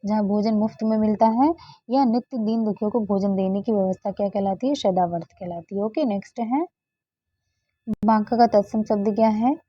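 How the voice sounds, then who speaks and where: A woman's voice: mid-range voice, fairly even intonation, moderate pace, no room sound, lo-fi sound. A woman tutor going through exam questions one by one, repeating key answers patiently and moving on with short fillers. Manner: frequent "ठीक है" and "okay, next है" fillers.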